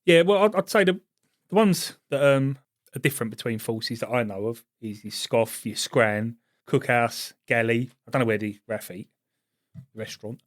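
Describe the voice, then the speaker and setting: A man's voice: medium pitch, normal speed, no echo, studio quality. A British Army veteran man co-hosting a podcast, telling blunt army stories in casual chat. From Britain. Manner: blunt storytelling army banter. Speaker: podcast co-host.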